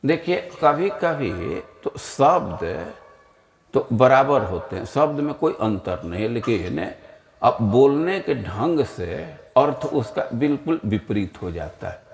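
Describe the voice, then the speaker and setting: Male spiritual teacher, lively delivery, echoey room; slow, patient lecturing. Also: medium pitch, gravelly. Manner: slow, explanatory, with rhetorical questions. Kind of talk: scripture lecture.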